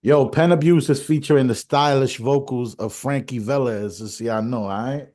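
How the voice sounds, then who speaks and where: A friendly man, giving thanks and shout-outs. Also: mid-range voice, moderate pace. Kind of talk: casual chat at a listening party.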